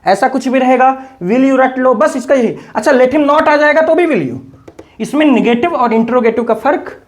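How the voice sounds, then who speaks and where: A man's voice: very high voice, moderate pace. A man teaching an English grammar lesson, talking casually to his viewers and drilling examples by repeating them with emphasis. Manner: addresses listeners casually as brother.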